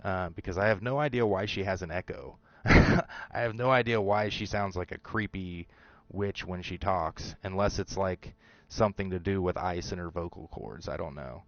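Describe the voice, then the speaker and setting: Man, very low voice, casual host commentary, speculative and rambling, dry dull recording. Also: normal speed, dry recording. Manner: speculative, rambling with fillers and restarts. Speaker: show host.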